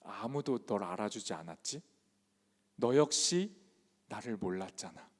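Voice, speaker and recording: A preacher voicing a soft, tender teacher. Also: male voice, animated, unhurried. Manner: soft, quiet and lowered, asking tender questions. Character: gentle, patient teacher speaking tenderly to a disciple, grown man. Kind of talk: acted quote in a sermon. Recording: long church hall reverb.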